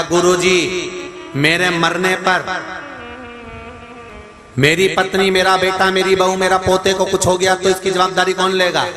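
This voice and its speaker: A man preaching a devotional sermon, telling a humorous parable and acting out its characters. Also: a little high. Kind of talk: devotional scripture storytelling sermon. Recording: echoey live sermon with music.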